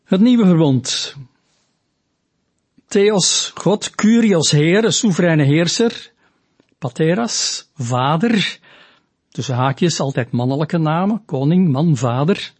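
A man preaching a teaching sermon, slow and deliberate, voicing quoted lines with rising emphasis. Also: fairly high pitch, expressive, husky.

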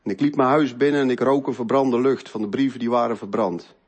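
A middle-aged man telling an earnest, emotional personal faith testimony, moving between loud stretches and hushed ones. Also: medium pitch, steady tone, fast talker, slightly rough. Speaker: speaker giving a faith testimony.

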